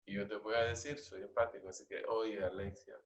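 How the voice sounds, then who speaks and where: A man leading an agile training session, coaching a participant with slow, questioning explanations. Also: fairly low pitch, little pitch movement, fairly bright tone, echoey room.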